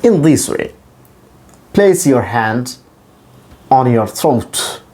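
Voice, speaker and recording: A native Bengali speaker with a Bangladeshi accent teaches English pronunciation, demonstrating sounds deliberately and repetitively. His mid-range voice is mellow and swings widely in pitch.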